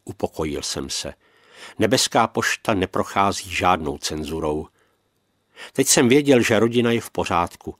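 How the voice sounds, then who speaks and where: A man narrating a first-person prison memoir as an audiobook, earnest and measured. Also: deep voice, animated, fairly bright tone, no room sound, studio quality.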